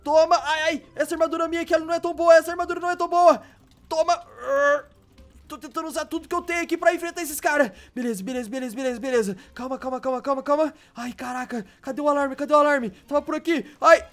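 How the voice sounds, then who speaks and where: A man's voice: extremely high pitch, quick pace, soft background music. A man in a Minecraft role-play, flustered and repeating himself as a clumsy hero. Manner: flustered, repeats "calma" and "meu Deus". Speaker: YouTuber playing a clumsy poor hero.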